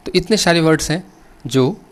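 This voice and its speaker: A middle-aged man with an Indian accent teaching an English vocabulary lesson, spelling words letter by letter and asking his students questions. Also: on the high side. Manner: slow, patient, asks students questions.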